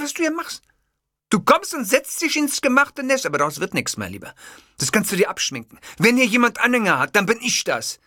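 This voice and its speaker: A man's voice: a little high, fairly bright tone, husky, no echo, clean studio sound, pitched above the performer's own voice, exaggerated voice. A man voicing a furious, vain male TV comedian who screams and curses in an audiobook reading. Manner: screaming insults, cursing.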